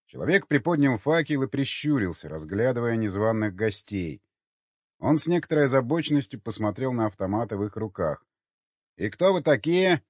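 A man narrating an audiobook with lively storytelling. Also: mid-range voice, brisk, no room sound. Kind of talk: scripted narration. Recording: dull lo-fi dry recording.

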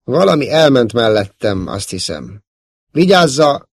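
A man's voice: mid-range voice, big pitch swings, vocal fry. A man voicing a young farm-boy hero who calls out urgently and nervously. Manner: urgent, calling out.

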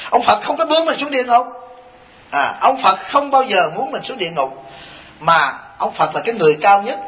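Joking monk giving a talk. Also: male voice, high-pitched. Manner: folksy, joking, rhetorical questions. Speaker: Buddhist monk teacher. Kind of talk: dharma talk at a retreat. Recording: dull lo-fi recording.

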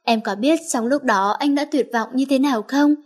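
A woman's voice: high-pitched, normal speed, slightly rough. A woman voicing a protective young lover. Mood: tender. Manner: cold, then tender and teasing. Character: protective young man, jealous lover, wounded.

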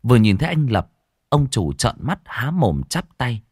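A man narrating a ghost story in a dramatic, expressive storytelling manner. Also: mid-range voice, normal speed, slightly rough, no echo, clean studio sound.

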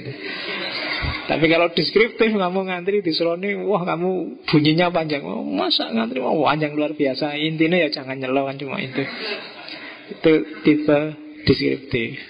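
A middle-aged man with a Javanese accent giving a relaxed philosophy lecture, folksy with joking asides. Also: a little high, creaky. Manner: folksy, joking asides, mixes in local words. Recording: muffled lo-fi recording.

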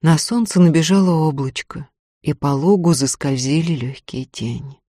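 A woman reading a novel aloud in an even, measured storytelling voice. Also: low-pitched, slightly rough, no room sound, studio quality. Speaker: audiobook narrator. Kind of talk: scripted narration of a novel.

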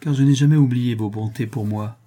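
A man reading an audiobook and voicing a gentle, modest, polite young girl. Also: mid-range voice, a little fast, close to an everyday voice. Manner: soft and polite.

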